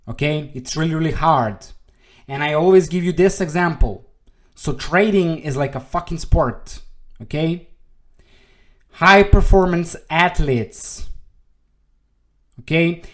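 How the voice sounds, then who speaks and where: A man from Serbia, a trading coach giving a blunt, swear-laced video lesson that keeps checking in with "okay?". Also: on the high side. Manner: blunt, emphatic, swears freely, repeats "okay?".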